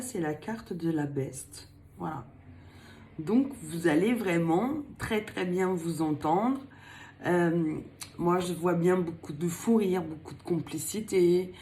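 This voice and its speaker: Chatty older woman giving a tarot reading. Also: fairly low pitch. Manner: chatty, playful, laughs often, slips into a put-on accent. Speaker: tarot card reader. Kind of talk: casual tarot reading to camera.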